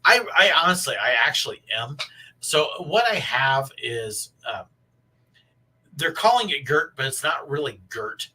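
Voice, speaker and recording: Wheezy, out-of-breath man with a bright, raspy voice. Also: a little high, sing-song, measured pace, recorded from a distance, rough recording. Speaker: live stream host. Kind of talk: casual rambling livestream chat to viewers.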